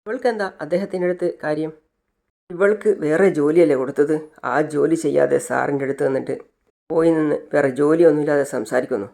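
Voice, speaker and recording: A woman's voice: deep voice, fast, creaky, dark tone. A narrator retelling a TV serial scene, voicing a jealous, possessive young woman who scolds sharply. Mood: jealous scolding.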